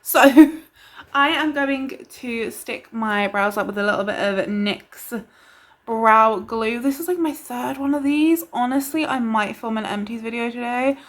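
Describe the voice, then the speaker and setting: A young woman from the UK, a beauty vlogger chatting casually to camera, rambling and excitable. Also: a little high, measured pace.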